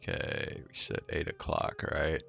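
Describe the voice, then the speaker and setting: Speaking at a measured pace in a slightly bright voice, a man chats casually while playing a game on a livestream, rambling and hesitating as he thinks aloud. Game music plays behind him, and the audio sounds dull.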